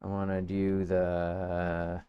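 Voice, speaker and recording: A man playing a tabletop game, talking through his moves in a halting, thinking-aloud way. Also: low voice, monotone, smooth, dull audio. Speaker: player. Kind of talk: casual tabletop game play.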